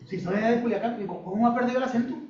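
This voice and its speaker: A man with a high voice leads a Bible class in a plain, folksy way, full of everyday examples and questions to the group. He sounds set back from the mic in an echoey room, and the sound is a little dull. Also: quick pace, a little mellow, far from the mic. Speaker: Bible study teacher. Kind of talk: conversational Bible teaching.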